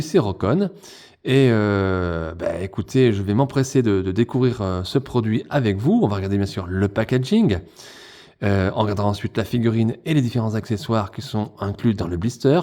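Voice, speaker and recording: A man with a low, warm and mellow voice reviews a toy in a relaxed unboxing chat. He talks to his viewers directly, as if to friends, and keeps the tone easygoing. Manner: chatty, speaks straight to viewers as friends.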